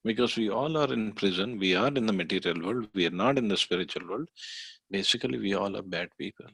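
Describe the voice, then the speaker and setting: A man leads a scripture study class in a low, gravelly voice. He explains step by step, pausing on fillers as he goes. The sound is dry and close. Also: a bit bright, no echo.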